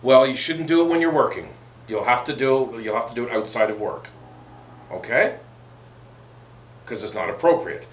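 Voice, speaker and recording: Brief: man as a fussy, motherly lady show host, lively swooping delivery, echoey room. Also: mid-range voice, normal speed, long pauses, a little hiss or hum, lightly acted. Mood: lecturing. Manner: fussy, motherly, sighing "oh dear". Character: prim, religious woman advice-show host. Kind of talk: comedy sketch.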